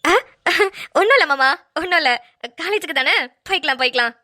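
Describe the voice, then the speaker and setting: A woman's voice: high-pitched, animated, bright, forceful tone. A woman voicing a tearful young village wife. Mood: forced calm. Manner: tearful, halting, crying through her words. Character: young village wife Veera, tearful, hiding her husband's injury. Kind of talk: Tamil cartoon voice acting.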